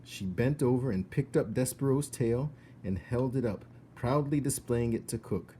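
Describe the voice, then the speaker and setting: A man reads a children's storybook aloud with expressive narration. His pitch is medium, his pace moderate, and there's a slight hiss or hum in the audio.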